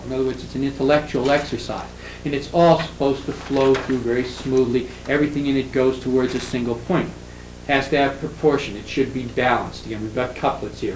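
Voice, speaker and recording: An older man giving a classroom lecture on poetry, halting with fillers and restarts, reading verse lines slowly with heavy stress. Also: mid-range voice. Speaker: literature professor. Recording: echoey room with faint ambient noise.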